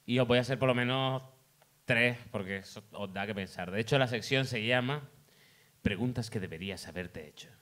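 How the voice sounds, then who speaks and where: A man's voice: mid-range voice, a little fast, a bit bright. A man with a Canarian Spanish accent, hosting a comedy talk show with loose, joking banter. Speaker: comedian host.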